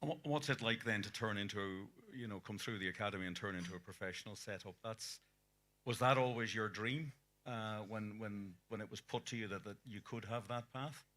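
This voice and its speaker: A man hosts a live sports interview. His voice sits a little low and has a bright, forceful tone. He speaks like a commentator putting questions to his guests. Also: a little fast. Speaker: interview host and rugby commentator.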